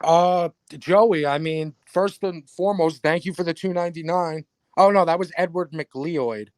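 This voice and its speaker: Profane New York podcast host. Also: male voice, a little high, moderate pace, dry recording, clean studio sound. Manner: sarcastic, profane, animated ranting. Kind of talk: casual livestream podcast rant.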